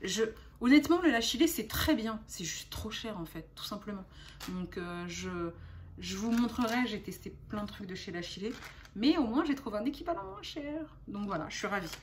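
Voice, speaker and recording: A young woman vlogs casually, rambling with many pauses and restarts. Her voice sits at an ordinary middle pitch. A faint noise runs under the recording. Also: lively intonation. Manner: chatty, hesitant with frequent fillers. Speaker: beauty vlogger. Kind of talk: casual haul chat.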